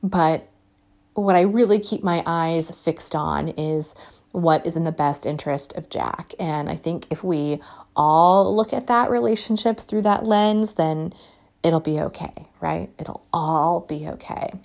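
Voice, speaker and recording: Casual woman podcaster in her thirties, a bit gravelly, self-deprecating and open. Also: lowish voice, fairly even intonation, a little slow, darkish tone. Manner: candid, chatty, self-deprecating. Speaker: podcast host. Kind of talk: casual solo podcast talk.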